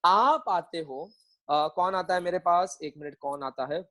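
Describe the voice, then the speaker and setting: High-voiced man teaching an online accounting class. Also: measured pace, bright, forceful tone, poor audio. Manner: mixes Hindi and English, repeats phrases and quizzes students; playful, joking with students.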